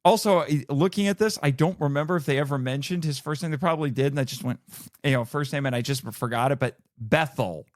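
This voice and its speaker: Higher-voiced man rambling through film talk. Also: quick pace, dry recording, clean studio sound. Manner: rambling, explanatory, backtracks mid-thought. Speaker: film podcast host. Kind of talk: casual film discussion.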